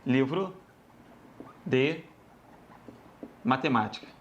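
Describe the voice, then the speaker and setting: A man's voice: medium pitch, drawn-out words, highs cut off, slight background noise. A man teaching a grammar lesson, addressing students casually and repeating each rule. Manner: lively, addresses students as "galera", repeats rules.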